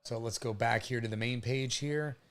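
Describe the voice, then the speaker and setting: A man with a mid-pitched voice hosts a live weather stream. He talks casually and informally, commenting as he goes, with a halting delivery and frequent hesitations. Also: steady tone. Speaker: livestream host covering a hurricane.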